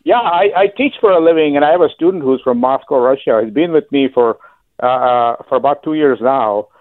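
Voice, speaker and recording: A man's voice: medium pitch, a little fast, no echo. A man from Minnesota calling in to a radio show, a teacher talking in a friendly, rambling way. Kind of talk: phone-in chat. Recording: dry tinny phone line.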